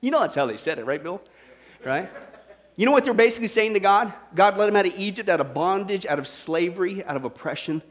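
A man preaching a sermon as pastor, animated and full of rhetorical questions that he keeps checking with "okay?". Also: high voice, quick pace.

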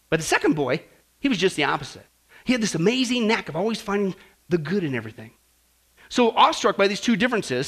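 A male pastor preaching a sermon, telling humorous stories with animated delivery and dropping to quiet emphasis on key points. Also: high-pitched.

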